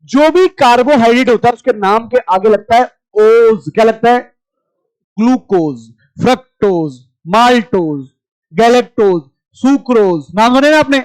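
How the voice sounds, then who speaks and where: High-voiced man quizzing a class. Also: animated, smooth, no room sound, low-quality recording. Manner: quizzing students with rapid repeated questions; familiar, addresses class as brother. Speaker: chemistry teacher. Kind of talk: classroom lecture.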